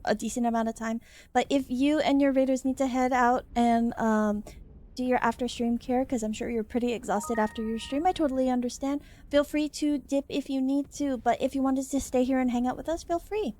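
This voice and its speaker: A woman's voice: sits high, a little mellow. A woman livestreaming in casual chat, with a cute, bubbly anime-streamer delivery. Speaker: streamer, VTuber.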